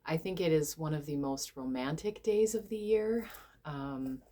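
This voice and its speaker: A stuffed-up woman with a nasal voice, talking softly and hesitantly in a personal vlog, with many ums and sighs. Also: low-pitched, unhurried. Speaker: vlogger.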